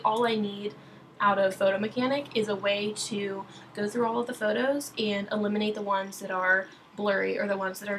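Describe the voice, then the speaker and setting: A young woman, a wedding photographer, talking through a software tutorial over a screen recording in a casual, rambling way with many ums and restarts. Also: medium pitch, a little hiss or hum, poor audio. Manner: chatty, many ums and restarts, self-correcting. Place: at her computer, screen recording.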